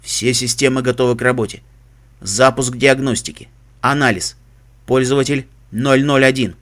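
A man's voice: medium pitch, normal speed, close to an everyday voice. A man doing a metallic helmet computer. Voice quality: metallic, clipped and flat. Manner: terse system announcements and dictionary listings. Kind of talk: audiobook reading of a fan story.

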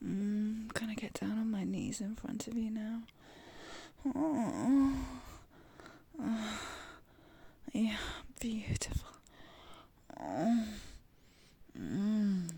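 A woman whispers very slowly and closely, her voice airy and hushed, with soft moans between her phrases. The tone is dark and mellow, with a gravelly edge. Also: mid-range voice, very animated. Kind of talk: whispered audio roleplay.

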